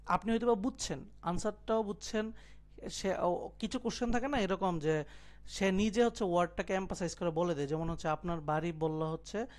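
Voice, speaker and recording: This IELTS tutor, a young man, delivers a live online lecture on listening skills and explains each point step by step. He speaks briskly in a high, steady voice, mixing in English terms and making sure his students keep up.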